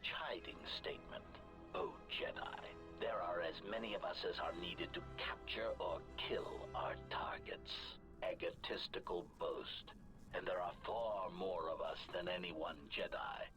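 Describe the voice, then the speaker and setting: A man's voice: low-pitched, steady tone, measured pace, whispered. An actor playing a cold, menacing male assassin droid through a metallic robot filter, clipping his words into labeled statements as his systems give out. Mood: coldly menacing. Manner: announces each line's intent in clipped labels. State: malfunctioning, systems failing. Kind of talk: video game voice acting. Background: game music.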